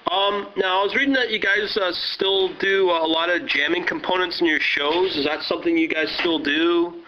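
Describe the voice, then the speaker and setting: A man interviewing a musician over a muffled speakerphone, asking halting questions full of restarts. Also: high voice, fairly even intonation. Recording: muffled lo-fi phone line, faint hiss.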